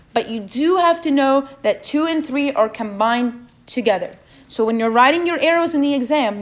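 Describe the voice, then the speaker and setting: A young woman with a non-native English accent leading an exam review session, asking the students questions and checking in with "okay?" as she goes. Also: fairly high pitch. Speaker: chemistry review session leader.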